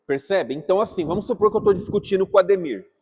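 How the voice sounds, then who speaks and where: A man's voice: high voice, very fast, darkish tone, breathy edge. A man teaching a class at church, talking casually and asking the group questions. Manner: asks the group questions, calling on people by name. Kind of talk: interactive class talk.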